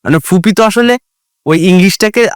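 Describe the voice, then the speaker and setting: Animated male podcast host telling a story. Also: high-pitched, moderate pace, clear, resonant tone, no echo, studio quality. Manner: animated storyteller, mixes English into Bengali. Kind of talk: casual storytelling chat.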